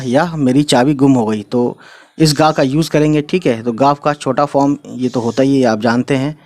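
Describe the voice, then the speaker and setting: A man's voice: medium pitch, mellow, no room sound. Patient man teaching script, dry sound. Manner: frequent checking fillers, patient step-by-step explaining. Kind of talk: explanatory lesson.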